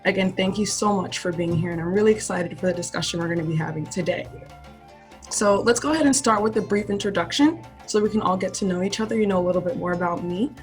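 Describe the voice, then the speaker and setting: A woman with a middle-pitched voice hosting an online panel. She is polite and upbeat, and her phrasing sounds scripted. Faint music runs behind her. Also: quick pace. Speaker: panel moderator.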